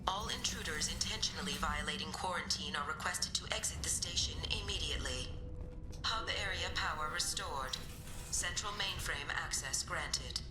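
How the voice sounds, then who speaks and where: A cold, official station security computer, voiced by a woman, reads out clipped announcements in a lowish tone. Her words ring through an echoey space while clear game music plays underneath. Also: normal speed, lightly acted. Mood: stern. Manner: clipped, formal system announcements.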